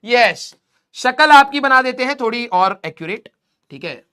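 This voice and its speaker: A man's voice: extremely high pitch, animated, unhurried, sharp tone, clean tone. A male physics teacher giving a joking classroom lecture, roasting his students as he draws. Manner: teasing, roasting students while drawing.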